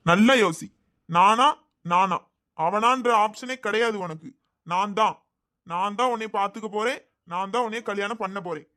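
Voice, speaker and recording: A man's voice: high voice, moderate pace, long pauses, sharp tone. A man voicing a possessive, scheming young groom in a cartoon, with a Thoothukudi Tamil accent and an insistent way of talking. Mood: coaxing. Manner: pleading then menacing, insistent. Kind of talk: cartoon voice acting.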